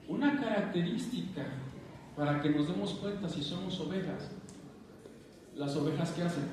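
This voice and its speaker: A male pastor delivers an animated sermon, firing questions at the congregation. His voice sits a little high. He is heard from some distance in a strongly echoing hall with a faint background hiss. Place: church hall. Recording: echoey hall, picked up from a distance.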